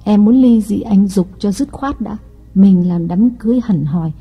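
A woman voicing a calculating young wife in an audiobook, speaking in a coaxing, deliberate way. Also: medium pitch, husky, lightly acted. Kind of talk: audiobook reading. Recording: dull lo-fi audio with faint music.

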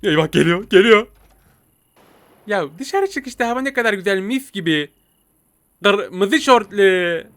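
A man giving playful let's-play commentary while speaking as a talking cat, excitable and jumpy, often repeating words. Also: sits high, unhurried, pauses often. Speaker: gaming video host.

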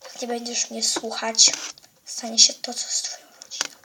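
A young female performer voicing a threatening female nightmare spirit in a whispered role-play, speaking slowly in a hushed voice. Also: on the high side, completely flat delivery, background noise, voice pushed down, close to an everyday voice. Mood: menacing whisper.

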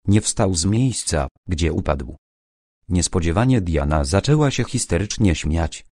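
A man reading a mystery audiobook in a measured, expressive storytelling manner. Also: deep voice, dry recording, studio quality. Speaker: audiobook narrator. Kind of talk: scripted narration.

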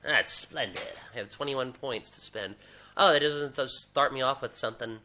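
Man commentating a game, bright voice. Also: medium pitch, fairly even intonation, a little fast, a little hiss or hum. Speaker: gaming video host. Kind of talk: casual gameplay commentary.

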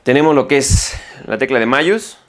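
A man's voice: medium pitch, animated, moderate pace, slight background noise. A man reviewing a gaming keyboard in a hands-on tutorial, explaining step by step and often checking in with "ok?" after each point. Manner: self-correcting mid-sentence. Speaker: tech reviewer.

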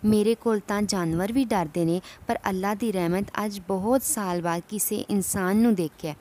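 A man's voice: high-pitched, normal speed, darkish tone, lightly acted. A woman voicing a suffering male leper in a spoken devotional story, pleading and sorrowful. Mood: lamenting. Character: suffering male leper, once a village chief, weeping.

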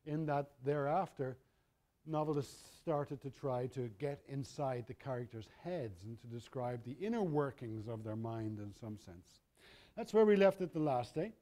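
A man's voice: fairly high pitch, a little mellow. A middle-aged man, giving a university lecture in a wry, conversational way, often correcting himself mid-sentence.

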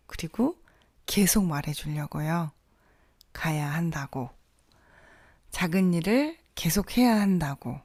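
Soft-spoken woman podcast host. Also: on the low side, no room sound. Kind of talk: scripted podcast monologue.

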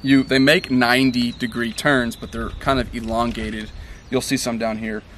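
Relaxed man giving an outdoor DIY walkthrough. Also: medium pitch, normal speed, a little hiss or hum. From Tennessee. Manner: relaxed, many ums and uhs, explains step by step. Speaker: DIY home builder. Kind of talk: casual how-to walkthrough. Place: outdoor building site in the country.

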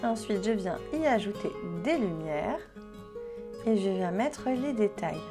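A young woman from France chatting casually through her painting vlog, relaxed and full of little fillers. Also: medium pitch, measured pace, music in the background. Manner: chatty, relaxed, many fillers like "euh" and "bah". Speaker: painting vlogger.

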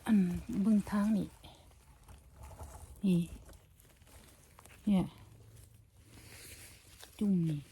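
A woman with a Surin northeastern Thai accent speaks in a soft, slightly hoarse voice, chatting casually as she forages outdoors on a handheld phone. Her delivery is slow and her tone is dark and mellow. A faint hiss of noise sits under her voice. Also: mid-range voice. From Surin, northeastern Thailand. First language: Khmer. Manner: soft, murmured asides to viewers. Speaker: mushroom-foraging vlogger. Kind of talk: casual chat while foraging. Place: outdoors in a forest and on a lawn.

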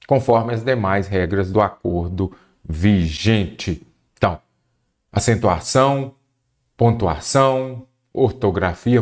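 A man's voice: fairly low pitch, a little mellow. A man teaching a Portuguese grammar lesson for an exam, explaining step by step and answering his own questions. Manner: stretches key terms slowly for emphasis.

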